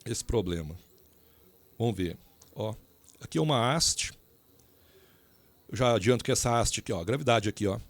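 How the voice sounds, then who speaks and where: Guy with a gravelly voice giving an engineering lecture, chatty, lots of asides, dry close sound. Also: on the high side, no echo. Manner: informal, talks straight to students with many asides and restarts. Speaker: engineering professor. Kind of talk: recorded lecture.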